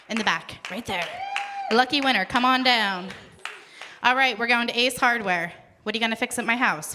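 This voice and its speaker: Upbeat woman emceeing a raffle, reading numbers slowly and joking between draws. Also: medium pitch, bright, forceful tone. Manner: playful, chatty asides between reading out ticket numbers. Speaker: raffle caller at a celebration event. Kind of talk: live raffle announcing.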